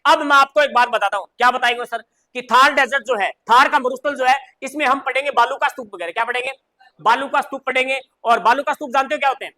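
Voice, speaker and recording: A man's voice: very high-pitched, quick pace, bright, forceful tone. A man with a Rajasthani accent teaching a live online class, chatty and repeating questions for his students. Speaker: coaching teacher.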